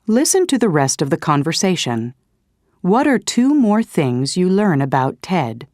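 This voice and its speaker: A woman reads out lesson instructions slowly and deliberately, her voice rather low and rising and falling widely. The recording is close and dry. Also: very animated, darkish tone, no room sound. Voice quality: measured, announcing instructions. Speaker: course narrator. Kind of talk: scripted lesson narration.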